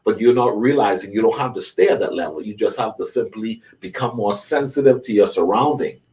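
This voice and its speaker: A middle-aged man from the Bahamas talks on a show with a deep, low voice. His delivery is earnest and preacherly, full of motivation. He sits some distance from the microphone. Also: a little fast, darkish tone. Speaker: guest, life coach. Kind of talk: conversational talk show interview.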